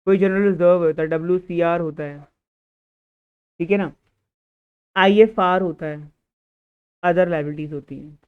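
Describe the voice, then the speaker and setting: Man, accounting teacher, classroom lecture, asks and answers his own questions, smooth clear voice, thin phone-like sound. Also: high-pitched, steady tone, measured pace, pauses often. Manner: scolds a student. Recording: tinny, phone-like lecture recording.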